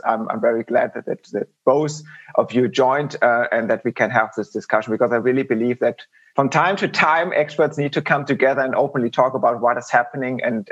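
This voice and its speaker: A man's voice: medium pitch, husky. A man answering interview questions as a podcast guest, talking in a conversational way with many repeated words and restarts. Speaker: podcast guest, software industry director. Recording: dull lo-fi online call audio.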